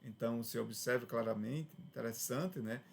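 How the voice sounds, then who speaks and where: A man's voice: mid-range voice, moderate pace, gravelly, slightly rough. A man with a Brazilian Portuguese accent giving a conversational Bible study lesson, often checking in with "né?" and restarting phrases. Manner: conversational, frequent "né?" tags and restarts. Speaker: Bible teacher.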